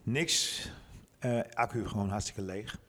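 A man's voice: on the low side, slow, fairly bright tone. A Dutch man from Groningen, co-hosting a casual podcast with laid-back, jokey banter. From Groningen, Netherlands. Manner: laughs often, easygoing banter. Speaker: podcast co-host, physiotherapist. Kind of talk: casual chat. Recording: room with long reverb.

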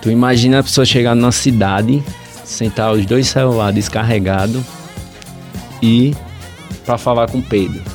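A man's voice: medium pitch, fairly even intonation, moderate pace, long pauses, faint music behind. A man from Paraíba, a podcast guest telling a long story in a rambling, casual way. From Paraíba, Brazil. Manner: rambling, with frequent "entendeu?" and "velho".

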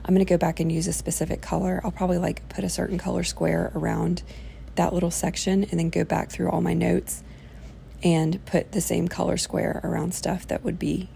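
Gravelly-edged woman, rambling informally. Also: on the low side, flat delivery, a little fast, mellow, slight background noise. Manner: rambling, thinking aloud. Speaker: workshop presenter. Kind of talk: informal self-help workshop talk.

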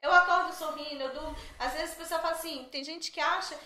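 A woman's voice: high voice, fast talker. A middle-aged woman telling stories as a podcast guest, chatty and joking. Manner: chatty, jokey, animated storyteller. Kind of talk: casual storytelling chat. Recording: echoey room, faint background noise.

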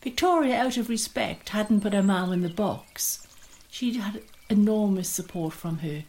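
A woman narrating a story in a measured, expressive reading style. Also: medium pitch. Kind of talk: scripted storytelling.

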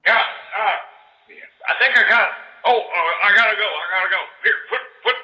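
A man's voice: sits high, normal speed. A man leaving a joking, rambling voicemail for a radio show, heard played back as a recorded message with many fillers. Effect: voicemail message played back on air. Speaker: caller. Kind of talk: casual voicemail. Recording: dull, echoey voicemail line.

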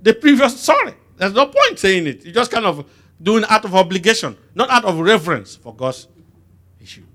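A man's voice: high-pitched, normal speed. A man preaching a sermon, questioning his listeners and having them answer back. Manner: lively, emphatic call-and-response questioning.

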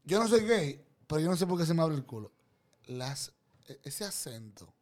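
A man's voice: on the high side, very animated, moderate pace. A man hosting a casual chat, teasing and cracking crude jokes. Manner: crude, teasing, boisterous banter.

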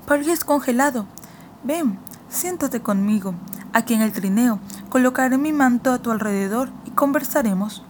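A woman's voice: mid-range voice, normal speed, a little mellow, a little hiss or hum, lightly acted. A woman reading as a cold, haughty queen. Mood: coaxing. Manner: haughty, impatient questioning. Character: cold imperious queen, commanding and suspicious. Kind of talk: audiobook character reading.

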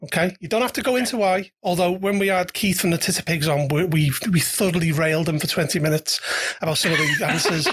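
A podcast host asking a guest quick-fire questions, teasing and laughing often. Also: mid-range voice, sing-song, fairly bright tone, slightly rough. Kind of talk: casual interview chat.

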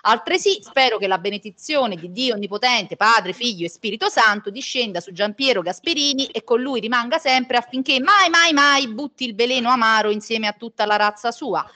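A woman co-hosts an informal, humorous podcast. Her voice sits fairly high and is very bright, with a forceful edge. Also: normal speed, few pauses. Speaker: podcast co-host. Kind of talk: casual chat and humorous letter reading.

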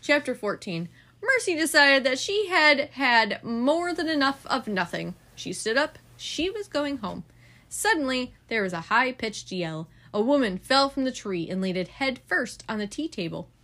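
A mother reading a picture book aloud before bed. Her fairly high voice rises and falls with lots of expression. She reads in an animated, storytelling way. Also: a little slow.

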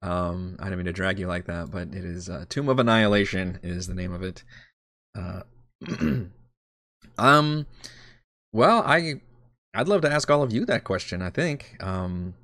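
A man with a deep, low voice talks casually as a game master, wandering from thought to thought and teasing himself. The sound is dry and close, with no room around him. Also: expressive, measured pace, long pauses, a bit bright, no echo. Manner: rambling and self-deprecating, swears casually. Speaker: dungeon master. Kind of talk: casual livestream chat while prepping a game.

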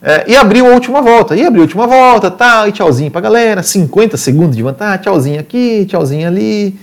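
A man with a Brazilian accent giving casual motorsport commentary, telling race stories in an animated way and often repeating words and adding tag questions. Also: sits high, quick pace. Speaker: motorsport podcast or stream host.

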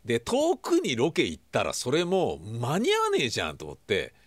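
A man's voice: medium pitch, wildly swooping pitch, brisk, no echo. A man hosting his own radio show, reading a mock-serious mission briefing in a stern voice, then chatting casually and animatedly. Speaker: podcast host. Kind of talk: casual solo radio talk. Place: small studio.

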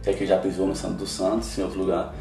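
Man, guest missionary, earnest testimony, heard from a distance in a roomy space with soft music. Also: deep voice, completely flat delivery, fast talker, vocal fry. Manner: earnest, emotional storytelling. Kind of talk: personal testimony in a podcast interview.

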